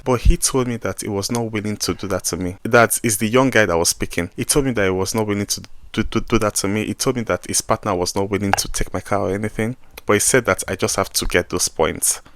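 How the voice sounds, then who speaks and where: A young man with a Nigerian accent, talking a lot as he tells a personal story, jumping between loud bursts and hushed asides. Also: fairly low pitch, fairly quick, hardly any pauses, no echo. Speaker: vlogger.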